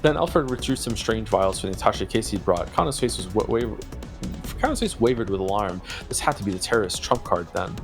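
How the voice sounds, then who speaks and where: A man streaming a story game, reading its text aloud expressively and dropping into casual chat. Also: fairly low pitch. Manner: expressive storytelling with stumbles over words. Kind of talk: dramatic narration mixed with casual chat.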